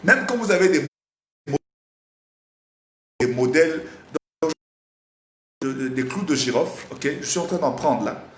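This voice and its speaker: A slightly hoarse man teaching a live online singing lesson, animated and repetitive, often stopping to quiz his audience. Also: on the high side, a little slow, pauses often. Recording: roomy echo, faint background noise.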